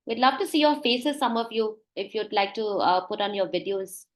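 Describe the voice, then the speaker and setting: Woman moderating a panel call, courteous and hesitant, with a medium-pitched voice. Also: animated, moderate pace, low-quality recording. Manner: polite, hesitant, many fillers.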